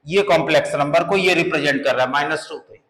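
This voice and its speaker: A man's voice: fairly high pitch, fast, fairly bright tone. A man teaching a maths lesson who explains step by step and keeps asking the class rhetorical questions, mixing into his talk. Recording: echoey room.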